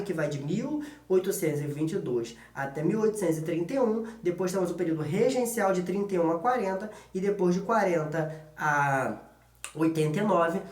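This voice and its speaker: Speaking in a high, slightly mellow voice, a man with a Brazilian accent leads an informal history lesson to prep for exams. He keeps it colloquial, checking in often with brief tag questions, and the recording has an echoey room sound.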